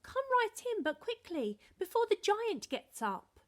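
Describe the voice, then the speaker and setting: A woman voicing a huge, bossy giantess who booms loudly in a storybook reading. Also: big pitch swings, unhurried, full character voice. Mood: urgent. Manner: loud, booming.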